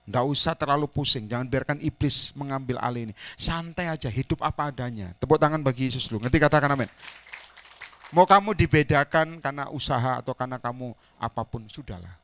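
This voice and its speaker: A man's voice: medium pitch, brisk, a bit bright, dry recording. A man preaching an informal Bible-study sermon, teasing the congregation and prodding them for amens and read-alouds. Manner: acts out little everyday dialogues. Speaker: pastor.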